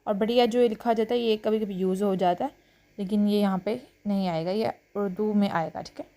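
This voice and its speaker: A woman with a Pakistani Urdu accent teaching Quran reading, reciting letters one by one in a patient, drawn-out way and checking in often. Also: medium pitch, steady tone, mellow. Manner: patient, drawn-out letter names, frequent "theek hai" check-ins. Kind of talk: slow classroom lesson reciting letters.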